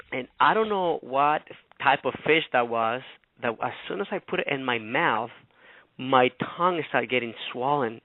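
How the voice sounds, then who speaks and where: A man's voice: medium pitch, dry recording. Guy from ecuador, rambling story on a radio show, thin phone sound. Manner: chatty, rambling, animated retelling. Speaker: guest co-host. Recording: tinny phone line.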